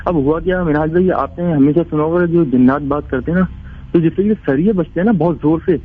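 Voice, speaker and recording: A man's voice: fairly high pitch, fairly quick, husky. A man calling in to tell a ghost story in a rambling, casual way, with many restarts. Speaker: caller. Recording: tinny phone line.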